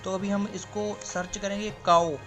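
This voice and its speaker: Man teaching, repeating words slowly. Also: sits high, little pitch movement, a bit bright, faint music behind. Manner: repeats words slowly and asks and answers his own questions. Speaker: stenography teacher. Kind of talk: classroom explanation.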